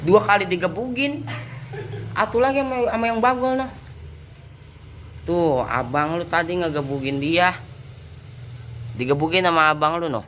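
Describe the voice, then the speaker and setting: A man's voice: high-pitched, moderate pace, long pauses, a bit bright, slight background noise. A man, chatting casually and teasingly as he scolds and coaxes his pet cats. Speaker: pet channel host.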